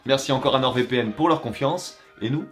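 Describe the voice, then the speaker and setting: A young man, talking to his viewers in a chatty, energetic vlog from Japan, with playful asides. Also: medium pitch, moderate pace. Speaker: YouTuber. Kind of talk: casual vlog monologue with a sponsor read.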